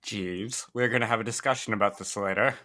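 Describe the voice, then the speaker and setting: A man playing a flustered young nobleman who tries to sound grand and formal, but keeps getting exasperated with his servant. The voice is mid-pitched and bright, with some edge to it. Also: fairly even intonation, a little fast.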